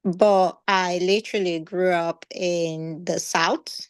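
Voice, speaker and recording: A woman from Nigeria with a Nigerian accent, speaking as an interview guest. Her delivery is slow and measured, and the recording is dry with no room sound. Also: lowish voice, steady tone, smooth, no room sound. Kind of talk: interview conversation.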